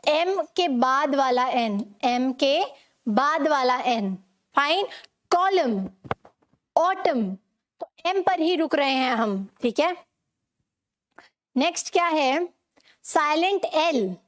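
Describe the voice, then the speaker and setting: High-voiced Indian woman teaching pronunciation. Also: lively intonation, slow pace, long pauses. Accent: Indian English. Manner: questions and repeats for learners, mixes Hindi and English. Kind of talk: online classroom lesson.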